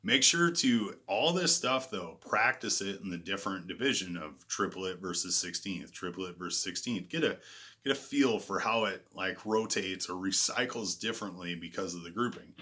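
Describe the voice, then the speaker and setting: A man giving a casual guitar lesson in a relaxed, self-deprecating way, calling out frets and counting beats. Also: low-pitched, moderate pace, slightly rough. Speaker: guitar teacher. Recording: loud guitar playing behind the voice. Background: electric guitar.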